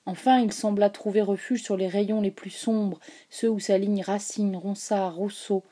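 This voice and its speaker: A woman reading a literary novel aloud in a grave, measured way. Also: mid-range voice, fairly even intonation, mellow. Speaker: audiobook narrator.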